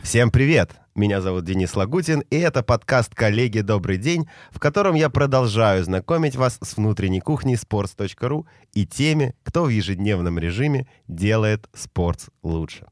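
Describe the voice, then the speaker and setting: A man's voice: fairly low pitch, expressive, normal speed, few pauses, no echo, clean studio sound. A man hosting a podcast, introducing the show and putting questions to a guest. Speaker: podcast host.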